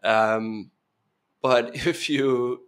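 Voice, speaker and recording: Speaking extremely slowly in a mid-range, slightly bright voice, a man in his thirties appears as a podcast guest. His casual interview talk is earnest, full of restarts, and carries a slight Venezuelan Spanish tinge.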